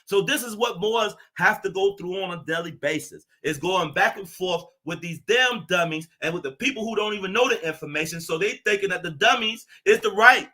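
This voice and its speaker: A man with a high, forceful voice rants angrily straight at his listeners, swearing freely and hammering the same phrases over and over. His tone stays confrontational and tense. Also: lively intonation, fairly quick, hardly any pauses. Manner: ranting, profane, confrontational, repeats phrases. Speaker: channel host. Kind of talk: angry monologue to camera.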